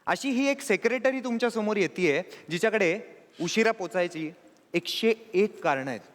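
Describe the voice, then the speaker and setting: A man's voice: high voice, lively intonation, moderate pace. A man hosting a talent show, teasing contestants playfully and hyping the crowd. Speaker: show host. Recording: echoey hall with live crowd and noise.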